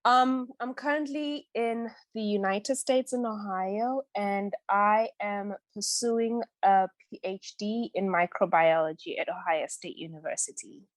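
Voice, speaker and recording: A woman's voice: mid-range voice, fairly even intonation, a little slow, hardly any pauses, dry recording. A woman in her twenties from Zimbabwe, chatting as a podcast guest, laughing often and restarting her sentences. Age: 20s. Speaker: guest, PhD student. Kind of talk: casual interview chat.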